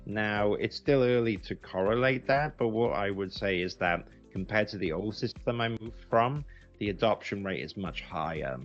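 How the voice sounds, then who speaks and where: Soft music plays behind this lo-fi clip of a British man, the founder of a recruitment agency, reviewing software in an unscripted, casual manner. His voice is lowish and his pace moderate as he explains things conversationally, repeating words for emphasis.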